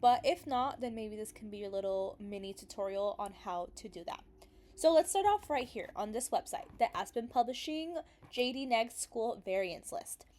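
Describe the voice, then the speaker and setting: A young woman with a somewhat high voice walks viewers through a website tutorial in a relaxed, chatty way. She sounds sniffly and run down from a recent cold, and she keeps stopping for fillers as she scrolls. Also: moderate pace. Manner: chatty, hesitant, lots of fillers. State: recovering from illness, sniffly. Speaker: vlogger explaining law school admissions. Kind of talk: casual screen-recorded tutorial.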